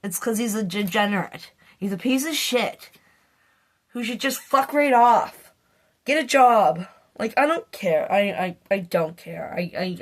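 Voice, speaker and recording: A middle-aged woman vlogging a casual rant to camera, swearing heatedly and rambling with fillers and restarts. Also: mid-range voice. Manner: profane, heated ranting.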